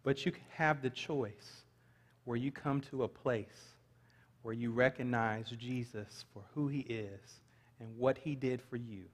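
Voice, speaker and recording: A man's voice: medium pitch, unhurried. Man preaching in a reverberant church. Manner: earnest preaching, reads scripture aloud, light asides. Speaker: pastor. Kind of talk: sermon. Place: large church sanctuary stage. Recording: long reverb of a large hall.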